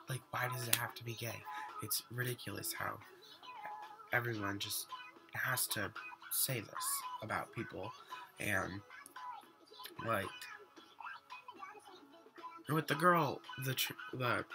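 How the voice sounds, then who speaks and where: A teenage boy, still recovering from being sick and sounding a bit off, rambles earnestly to the webcam at his bedroom desk. He speaks slowly at medium pitch with vocal fry, pausing often, filling and restarting, over music in a rough recording.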